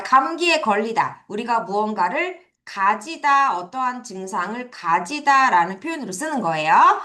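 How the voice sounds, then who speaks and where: A woman English teacher leading a children's vocabulary lesson, drilling her students with slow, sing-song call-and-repeat questions. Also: on the high side, pushed and bright.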